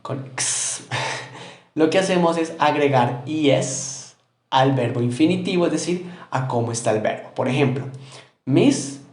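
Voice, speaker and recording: A man's voice: on the high side, normal speed, echoey room. A Spanish-speaking man teaching an English grammar lesson, explaining step by step, repeating example words, and saying them with a British accent.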